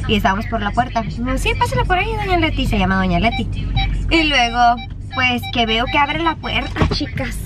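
A woman, chatting animatedly to viewers into a phone held at arm's length. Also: a little high. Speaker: family vlogger. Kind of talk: casual vlog chat. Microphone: phone camera held at arm's length.

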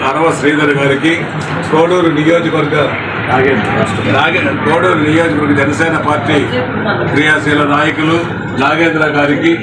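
A man from a local Telugu party gives a formal political speech, full of honorifics and thanks, at a party office opening. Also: on the high side. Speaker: party speaker. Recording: echoey, distant, noisy news mic.

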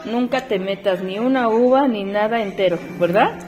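Mom vlogger in her thirties, gentle emotional delivery, phone camera in the home kitchen. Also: mid-range voice, normal speed, muffled recording. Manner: soft, emotional and heartfelt, thanking viewers. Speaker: vlogger, mother and small business owner. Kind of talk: casual vlog talk to viewers. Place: home kitchen, a film playing in the background.

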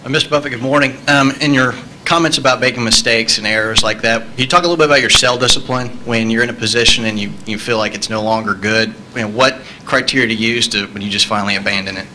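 A man in a large lecture hall audience asking a speaker a polite, halting question. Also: mid-range voice, sharp tone, a little hiss or hum.

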